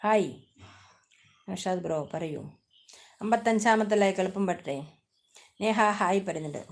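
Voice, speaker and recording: A woman hosting a casual live stream, chatting warmly with viewers, greeting them by name, teasing them and asking for likes. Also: medium pitch, normal speed, vocal fry. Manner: affectionate, teasing.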